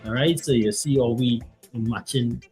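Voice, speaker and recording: A man's voice: medium pitch, measured pace, a little mellow, faint music behind, low-quality recording. A man from Trinidad with a Trinidadian accent, co-hosting a casual relationship talk show in a rambling, easygoing way with lots of fillers. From Trinidad and Tobago. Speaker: co-host.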